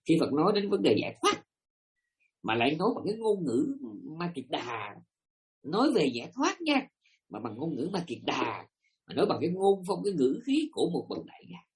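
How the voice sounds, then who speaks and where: A man's voice: fairly high pitch, sing-song, a little fast. A man giving a Buddhist dharma talk to listeners, emphatic and asking them rhetorical questions. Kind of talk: dharma talk to a live audience.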